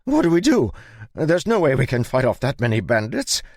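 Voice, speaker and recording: A man voicing a flustered, fawning middle-aged merchant who talks high, excited and stammering. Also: measured pace, no room sound, studio quality. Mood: alarmed.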